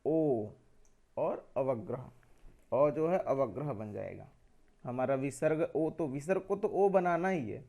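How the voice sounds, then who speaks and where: Dark-voiced man teaching a grammar lesson. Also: medium pitch, animated, slow, creaky. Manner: explains step by step, asks questions and answers them himself; repeats points for emphasis.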